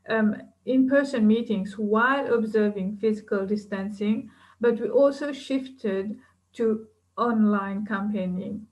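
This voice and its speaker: A woman presenting a campaign update in a clear, steady manner and introducing the next speaker. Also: fairly high pitch, low-quality recording.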